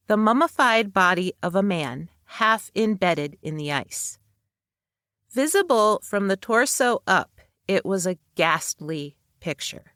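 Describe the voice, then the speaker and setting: Woman podcast co-host reading a narrated segment. Unhurried and measured, with a close, dry sound. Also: on the low side, fairly bright tone, no echo. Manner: measured storytelling delivery, light personal asides. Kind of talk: reading researched narration with casual asides.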